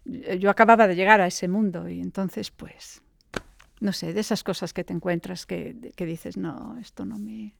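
Gravelly-voiced woman in reflective interview. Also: lowish voice, fairly even intonation, moderate pace, no room sound. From Galicia, Spain. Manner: thoughtful, digressive, frequent tag questions. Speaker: poet, interview guest.

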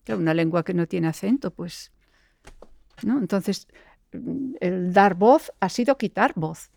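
A middle-aged woman from Galicia, a poet, speaking reflectively in an interview and pausing often with fillers and restarts. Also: lowish voice, gravelly, darkish tone, no echo. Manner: thoughtful, pauses with fillers and restarts.

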